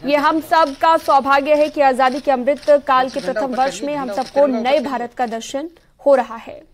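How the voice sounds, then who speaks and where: A young woman anchoring a TV news bulletin in a studio, reading briskly and formally. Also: high-pitched, steady tone, crowd noise. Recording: broadcast bed music underneath.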